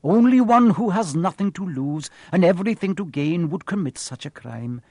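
Man doing a young male centaur, noble, protective, impassioned, high and lifted, dry close audiobook sound. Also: animated, normal speed, dark tone, no echo. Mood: solemn. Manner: urgent, solemn and impassioned.

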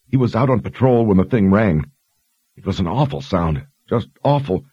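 A man's voice: on the low side, expressive, moderate pace, warm tone, breathy edge, no echo, muffled recording, voice pushed up. A man voicing a frightened, dutiful young woman sergeant who speaks earnestly and deferentially. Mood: anxious.

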